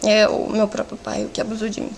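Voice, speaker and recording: A woman with a Brazilian accent giving courtroom testimony as a defendant, in a halting, fragmented way full of restarts. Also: medium pitch, completely flat delivery, gravelly, slight background noise. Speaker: defendant under questioning. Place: courtroom hearing.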